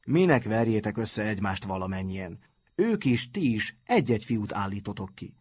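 A man voicing a kind grown-up calmly advising a group of boys in a storybook reading. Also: on the low side, breathy edge.

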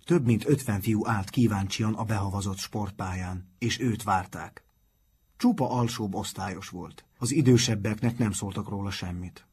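A man reading a children's novel aloud in a calm, measured audiobook narration. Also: on the low side, breathy edge.

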